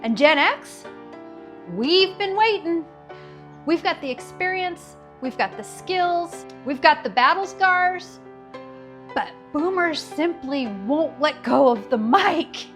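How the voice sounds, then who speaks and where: A woman's voice: very high voice, expressive, slow pace, a bit bright, soft background music. A woman in her fifties hosting a commentary video, talking in a wry, sarcastic way and laughing between her jokes. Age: 50s. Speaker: video host. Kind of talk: scripted commentary monologue.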